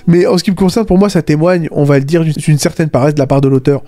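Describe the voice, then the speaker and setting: In this casual video essay, a sarcastic anime critic moves at a fairly quick pace, his mellow, slightly high voice staying fairly even in intonation. He peppers his points with "voilà" and "hein" and slips in mocking asides.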